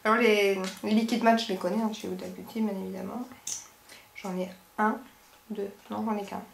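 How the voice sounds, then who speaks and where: A woman's voice: mid-range voice, flat delivery, moderate pace, gravelly. A woman with a Belgian French accent chatting casually as a beauty vlogger showing a shopping haul, rambling informally and correcting herself as she goes. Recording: echoey room with faint background noise.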